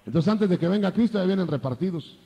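An older man preaching a sermon, lively, acting out biblical dialogue in changing voices. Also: high-pitched, quick pace, big-room sound, lo-fi sound.

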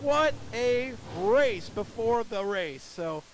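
A man calling a dirt track race live, excitable and breathless, often shouting as the action builds. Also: very high-pitched, slow pace, a little hiss or hum. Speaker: race announcer.

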